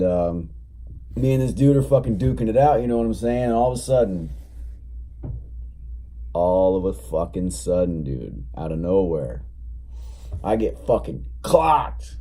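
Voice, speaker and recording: A young male vlogger with a lowish, mellow voice tells a story at a moderate pace, his intonation lively. He's still getting over being sick and coughs now and then, rambling along in a laid-back, profane way.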